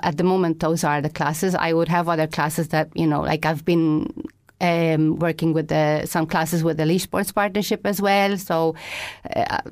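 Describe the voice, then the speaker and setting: A woman's voice: deep voice, a little mellow, smooth, no room sound. A woman from Malta with a Maltese accent, speaking as a fitness instructor in a casual studio interview. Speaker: Zumba instructor, interview guest. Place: radio studio.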